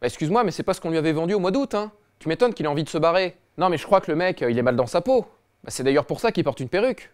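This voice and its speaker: A man's voice: on the high side, lively intonation, very fast. A man hosting a satirical football comedy show, cocky and slangy, swearing often. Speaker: host.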